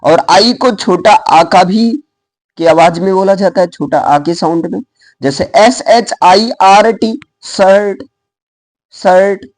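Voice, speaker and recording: A man's voice: high voice, dry recording. A man with an Indian accent teaching English pronunciation, spelling words out letter by letter and checking in with his class. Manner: spells words out slowly letter by letter, then says them. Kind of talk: lively classroom explanation.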